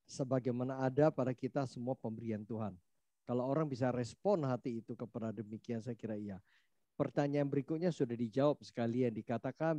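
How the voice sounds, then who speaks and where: A man with a mellow, darker voice moderates a church question session. He speaks in a measured, reflective way. The recording is dry and a bit dull. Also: mid-range voice, dry recording. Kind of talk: church Q&A closing remarks.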